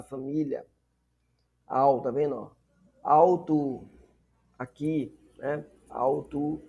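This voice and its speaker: A man with a Brazilian Portuguese accent leads a reading lesson at a very unhurried pace. His voice sits a little high, and he says each word twice, patiently explaining how it sounds. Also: creaky, warm tone, slightly rough. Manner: slow, repeats each word, explaining pronunciation. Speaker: Greek teacher.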